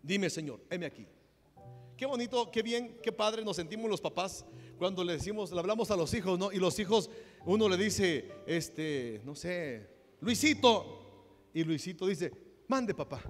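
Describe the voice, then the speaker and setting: A man with a Mexican accent preaching a sermon, animated and acting out the voices he quotes. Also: sits high, normal speed. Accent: Mexican Spanish. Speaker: pastor. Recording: long hall reverb with faint music.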